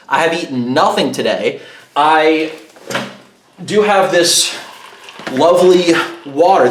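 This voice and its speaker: A young man vlogging casually to camera, rambling and thinking aloud as he plans his day. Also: on the high side. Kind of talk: casual vlog talk to camera. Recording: echoey room.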